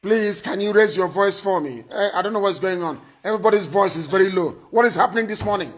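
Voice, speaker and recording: Here a man with a high-sitting voice and a quick pace runs a live-streamed call-in show. He takes calls in a commanding manner, repeating himself and telling off his callers.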